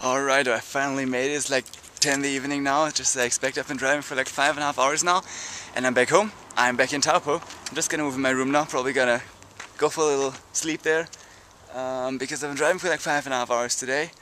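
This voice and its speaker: A man's voice: medium pitch, steady tone, fast talker. A young man chatting casually and informally in a rambling travel vlog. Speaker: travel vlogger. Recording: loud ambient travel noise.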